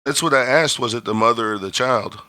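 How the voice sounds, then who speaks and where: Male player, bright edge, rambles and second-guesses himself. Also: medium pitch, a little fast, dry recording, studio quality. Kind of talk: casual tabletop game chat.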